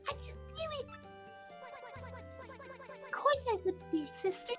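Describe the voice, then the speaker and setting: A woman voicing a squeaky, earnest, excitable young bug creature like a Christmas elf in video game dialogue. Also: measured pace, exaggerated voice. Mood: excited, urgent. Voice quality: squeaky, childlike. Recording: game music behind the voice.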